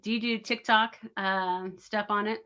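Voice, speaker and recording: Bright Texan woman with soft, w-like R's. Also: medium pitch, steady tone, normal speed, clear, resonant tone. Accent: Texas. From Texas, United States. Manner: soft R's and W's that blur together, w-like r. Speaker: guest, author and audiobook voice actor. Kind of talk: casual chat.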